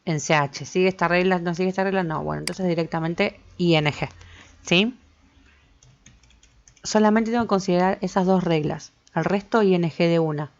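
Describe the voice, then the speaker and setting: A woman English teacher with a lowish voice explains grammar patiently, keeping a steady tone and moderate pace. She repeats her points and keeps checking in with students by asking "¿sí?". The recording is slightly dull and lo-fi.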